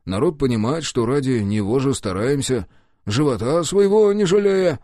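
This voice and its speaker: A man's voice: medium pitch, animated, moderate pace, mellow, dry recording, clean studio sound, voice pushed up, natural voice. A man reading an audiobook, voicing a cowardly, corrupt young police officer who whines evasively and pleads.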